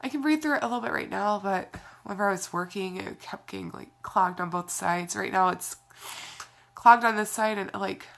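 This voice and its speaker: A woman's voice: mid-range voice, normal speed, vocal fry, fairly bright tone. A young woman vlogging casually while sick, her voice scratchy and congested from a cold, rambling with sighs and fillers. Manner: rambling, sighing, with frequent fillers. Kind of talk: casual vlog talk.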